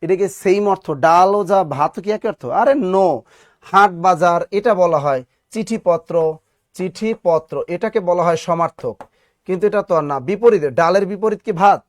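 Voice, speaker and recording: A man's voice: high voice, moderate pace, no echo, studio quality. A man with a Bangladeshi Bengali accent teaching a live online exam-prep class, firing repeated questions at students and answering them himself, with scolding, preachy asides.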